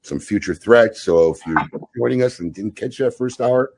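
A man's voice: mid-range voice, normal speed, darkish tone, slightly rough, no room sound. A talk radio host, a man with a mid-range voice. He ribs his co-host and introduces guests in a loose, teasing manner. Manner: teasing, easygoing. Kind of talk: casual chat and show hosting.

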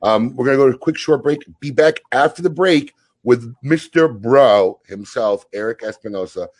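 A man's voice: medium pitch, moderate pace, darkish tone, no room sound. A man hosting a talk radio show, teasing his co-host and leading segments in an easygoing way. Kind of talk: casual chat and show hosting.

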